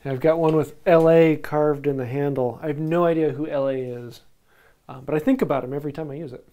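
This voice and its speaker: A man hosting a casual interview, easygoing and quick to laugh. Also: on the high side, fairly even intonation, dark tone. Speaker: host.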